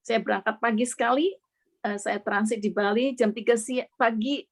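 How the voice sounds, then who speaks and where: A woman's voice: on the high side, fairly even intonation, normal speed. A middle-aged woman from Indonesia earnestly sharing a personal faith testimony, slipping English words into her speech.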